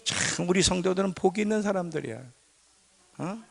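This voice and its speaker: Gravelly-voiced male pastor preaching. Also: high-pitched, a little fast. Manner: conversational preaching, asks the congregation questions. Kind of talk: sermon. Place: church sanctuary. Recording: church hall with long reverb.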